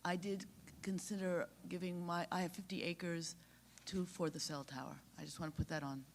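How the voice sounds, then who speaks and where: A woman commenting at a town meeting, soft-spoken and hesitant. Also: on the low side, level tone, normal speed, slight background noise. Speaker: resident commenting.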